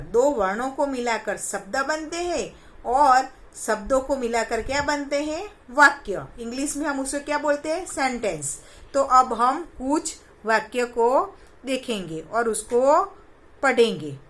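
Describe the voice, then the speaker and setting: A woman primary school teacher, sounding out Hindi letters syllable by syllable for young children and quizzing the class, mixing English words into her Hindi. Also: on the high side.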